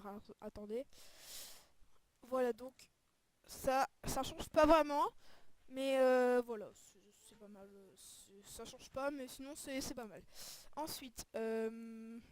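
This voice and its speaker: Woman video creator, casual and hesitant, voice a bit high. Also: a little hiss or hum. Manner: hesitant, often searching for words. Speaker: video creator presenting a game texture pack. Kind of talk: casual screen-recorded commentary.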